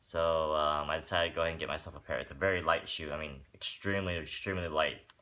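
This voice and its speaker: His pitch is extremely low and his pace fast as this sneaker vlogger talks casually through a review. He's indoors in a home room with a wooden floor, rambling a little and filling pauses with many "um"s.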